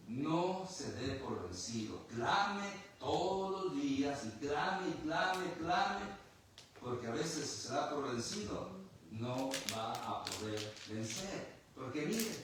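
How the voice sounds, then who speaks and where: Man, pastor, high voice, slow emphatic preaching, echoey hall from far off. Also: a little hiss or hum. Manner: emphatic preaching with rhetorical questions and repetition. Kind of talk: sermon.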